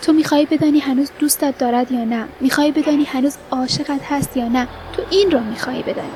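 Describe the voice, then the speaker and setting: A woman's voice: high-pitched, steady tone, noisy background, close to an everyday voice. A woman voicing a blunt homeless man who presses his friend with hard questions in a storybook reading. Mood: reproachful. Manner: probing, reproachful.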